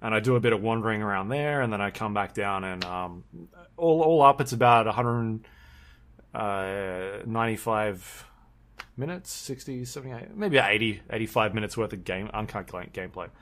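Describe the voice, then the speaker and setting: A man's voice: lowish voice, moderate pace, fairly bright tone. A man co-hosting a podcast in casual chat, rambling along with many ums and restarts. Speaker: podcast co-host.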